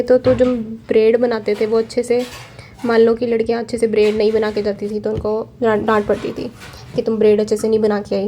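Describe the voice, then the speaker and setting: An Indian woman in her young adult years gives a vocabulary lesson at a steady, patient pace. Her voice sits fairly high and stays flat and even in tone, warm rather than bright. Faint background noise runs under the recording. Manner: explains each word slowly and repeats "ठीक है". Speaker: vocabulary teacher. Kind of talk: exam-prep vocabulary lesson.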